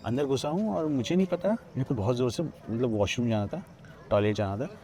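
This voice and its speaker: Animated and brisk, this Odisha-born podcast guest recounts a ghost story he lived through, packing it with quoted speech. His medium-pitched voice has a warm tone, captured outdoors by a riverside ghat in India.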